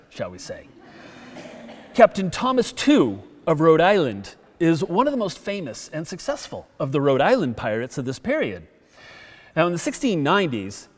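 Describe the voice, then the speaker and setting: A middle-aged man lecturing in a town hall, his voice sitting a little high for a man. He tells the history as a lively story, and the sound rings with long hall reverb. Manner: lively storytelling, acts out quotes. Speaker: guest lecturer.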